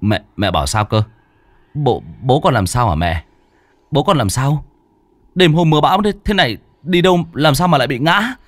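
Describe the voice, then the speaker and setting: A man's voice: lowish voice, big pitch swings, fairly quick, dry recording. A man voicing an urgent, protective young husband, stammering in alarm.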